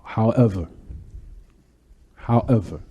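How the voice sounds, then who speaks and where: An American man with a lowish, warm, slightly breathy voice speaks slowly on a lo-fi recording. As a religious teacher giving an Islamic lesson, he reads and explains a text emphatically, repeating and rephrasing his points, addressing listeners directly, and then takes questions.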